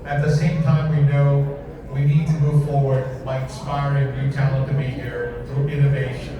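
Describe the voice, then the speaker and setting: A man leads a panel in a measured way, slipping in fillers as he asks questions. His mid-pitched voice sounds distant in a very echoey room, with a crowd murmuring behind him. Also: monotone. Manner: measured, uses fillers like 'you know'. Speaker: panel moderator. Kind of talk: moderating a panel. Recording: echoey hall, distant mic, crowd noise.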